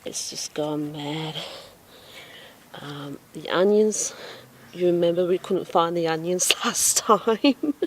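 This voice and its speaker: A woman's voice: fairly low pitch, takes it slowly. A woman strolls through her backyard garden and talks unhurriedly about her plants in a chatty, self-deprecating way. She sounds a little out of breath. It is picked up on a phone outdoors, with a faint hum of the outdoors behind her. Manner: chatty, self-deprecating, with frequent ums and laughs. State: slightly out of breath. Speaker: home gardener vlogger. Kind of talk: casual garden walkthrough.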